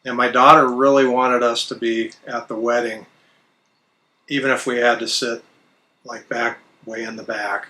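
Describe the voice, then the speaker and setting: A middle-aged man telling a personal story as a vlogger, in a casual, plain-spoken and measured manner. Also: medium pitch, level tone, bright, forceful tone, far from the mic. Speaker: vlogger recounting RV life.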